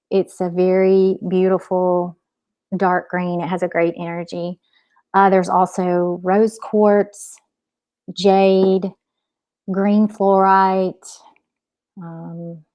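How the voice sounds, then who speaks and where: A woman speaking as a spiritual coach, giving an informal healing talk in a gentle, hesitant way with frequent pauses. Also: lowish voice. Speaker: spiritual coach and energy healer.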